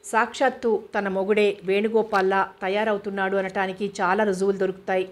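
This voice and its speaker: Woman narrator, novel reading, flat delivery with little pitch movement. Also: brisk. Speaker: audiobook narrator.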